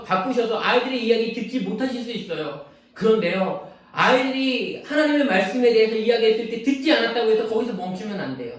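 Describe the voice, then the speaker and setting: A man preaching a sermon as pastor, earnest and pleading, acting out prayers as he speaks. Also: extremely high pitch. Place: church sanctuary. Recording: echoey church hall, distant mic.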